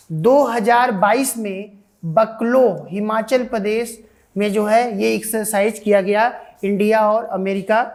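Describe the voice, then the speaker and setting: An Indian woman teaches an online coaching class at an ordinary middle pitch. She repeats each point and answers her own questions, as in a recorded classroom lecture. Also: a little mellow. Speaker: defence exam coaching teacher.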